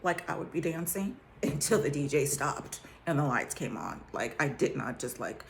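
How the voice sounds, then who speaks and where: A woman tells her own story in a casual, chatty way, stressing her points and checking in with listeners. Her pitch swoops all over, and her voice carries a gravelly fry. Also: animated, moderate pace, a little hiss or hum. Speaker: abuse survivor sharing her testimony. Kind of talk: casual personal testimony.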